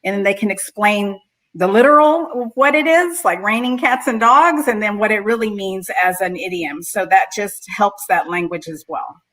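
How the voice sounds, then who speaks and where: A woman's voice: medium pitch, normal speed, a bit bright, rough recording. A woman, an ESL teacher telling classroom stories on a conference panel. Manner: chatty storytelling, fillers.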